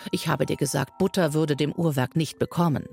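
Fretful hatter, woman reading, slow weary speech, radio storybook. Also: deep voice, steady tone, creaky, darkish tone, faint music behind. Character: fretful hatter, worried and sighing man.

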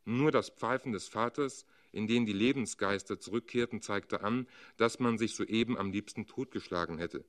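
A man reading a literary story aloud as narrator, with expressive, dramatic delivery. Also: lowish voice, moderate pace, hardly any pauses.

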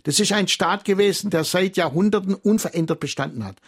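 A man with a raised, gravelly voice and a husky edge talks as an expert guest on a radio call-in. He explains at length in a measured, lecturing way. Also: high-pitched.

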